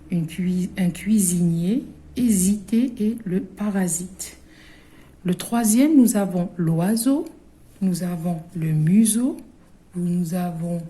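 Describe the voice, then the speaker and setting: A woman primary school teacher gives a recorded lesson to young children. She is patient, repeats each word, and often trails off to a hush. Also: lowish voice.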